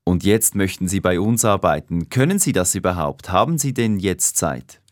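A man's voice: low voice, animated, normal speed, no echo, clean studio sound. A man playing a formal, businesslike personnel manager interviewing an applicant in a scripted dialogue for language learners. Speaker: head of personnel conducting an interview.

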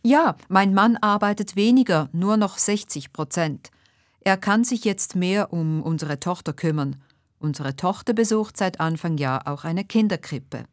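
A woman playing a nervous but polite job applicant in a scripted dialogue for language learners, speaking carefully and clearly. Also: fairly low pitch, measured pace, dry recording, studio quality, close to an everyday voice.

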